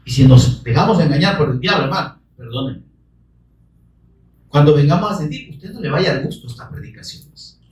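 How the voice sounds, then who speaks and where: A man's voice: fairly high pitch, animated, brisk, recorded from a distance. Fervent preacher man, echoey hall. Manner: fervent, bursts into shouting, pleads with rhetorical questions. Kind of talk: evangelical sermon.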